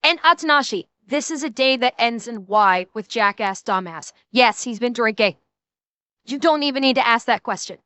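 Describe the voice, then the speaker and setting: A woman's voice: a little high, lively intonation, moderate pace, pushed and bright, smooth, dry recording. A woman streamer reacting to video clips in blunt, sweary, casual commentary.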